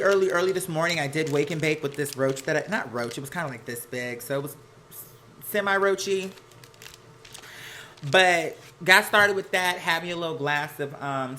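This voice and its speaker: A sharp-toned, mid-range voice drives this casual American livestream chat, full of camp, sass and slang. It's recorded at home, where running laundry puts some household noise behind the speaker.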